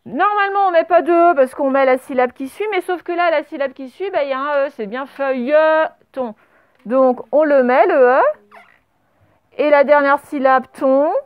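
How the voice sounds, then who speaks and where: A woman's voice: sits high, normal speed, no echo, narrow, tinny audio. A woman teacher giving a spelling dictation lesson to children on camera, patiently spelling words out letter by letter. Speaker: primary school teacher.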